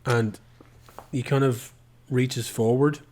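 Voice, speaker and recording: A man's voice: medium pitch, fairly even intonation, slow, darkish tone. A man running a tabletop roleplaying game, narrating scenes vividly and dramatically as game master.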